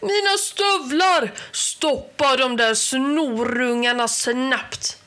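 A woman reading a storybook aloud, voicing a loud, taunting villainous male Christmas gnome chief. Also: a little high, close to an everyday voice. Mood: bellowing.

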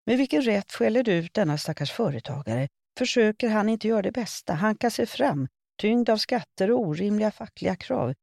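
A woman reading a humorous column, voicing a pompous older gentleman defending a shop owner. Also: sits low, sing-song, creaky, few pauses, husky, dry recording, studio quality, exaggerated voice. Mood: indignant. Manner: pompous, indignant. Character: indignant older gentleman waving a leek like a sword.

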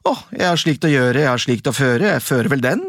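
A storyteller voicing a cheerful young lad in a folk tale, calling out high and excited in sing-song. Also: no echo, studio quality, natural voice. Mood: content. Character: cheerful young male hero, proud of his finds. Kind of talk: storybook reading.

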